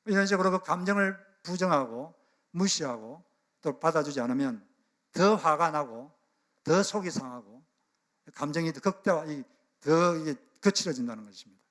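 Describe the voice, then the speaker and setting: A middle-aged man preaches from the pulpit in a slightly raised voice. His delivery is earnest, sinking to near-hushed tones on the phrases he stresses. He then lifts for his appeals to the congregation. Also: a little high, lively intonation, normal speed. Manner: earnest preaching, dropping soft on key phrases and rising on exhortations. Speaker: pastor. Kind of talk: sermon.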